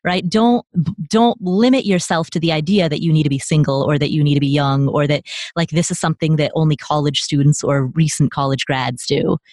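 Woman guest, slightly low voice, dry close mic, animated and chatty. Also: brisk, no echo. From Nepal. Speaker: podcast guest. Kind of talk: conversational interview.

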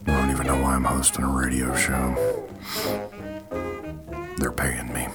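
A man voicing a stoned, apathetic radio host in a comic promo, with a halting, mumbling stoner drawl. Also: very deep voice, completely flat delivery, over loud music, voice pushed down. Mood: stoned, indifferent. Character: stoned, apathetic, slow-witted male celebrity radio host, parody.

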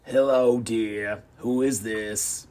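A man doing a soft, prim old lady. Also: fairly low pitch, steady tone, very slow. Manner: soft, prim, says "dear". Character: prim older woman on the phone.

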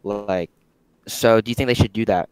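A man's voice: lowish voice, steady tone, normal speed, smooth, dry recording, poor audio. A young man calling in to a casual sports talk to ask a question. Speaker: caller asking a question.

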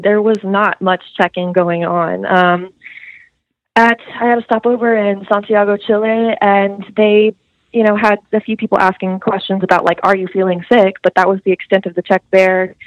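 This is a young woman from the United States, a student, giving an earnest, detailed account in an interview with casual fillers. Her voice is mid-range, and the audio is dry and echo-free but dull and muffled.

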